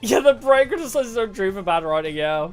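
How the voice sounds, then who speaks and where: A woman livestreamer giving casual game commentary, with animated reactions and chatty asides. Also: medium pitch, brisk. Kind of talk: casual game commentary, reading dialogue aloud. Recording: music playing behind the voice.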